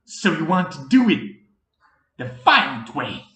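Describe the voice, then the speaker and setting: A man voicing a gleeful villainous male human mage who speaks in a calm, persuasive, cackling way. The recording is roomy. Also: on the high side, measured pace, heavily acted. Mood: smug menace. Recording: roomy echo.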